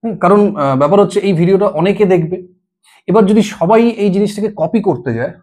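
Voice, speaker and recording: Steady man teaching grammar. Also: sits high, brisk. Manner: explains step by step, asks "ঠিক আছে?" often. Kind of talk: exam-prep grammar lesson.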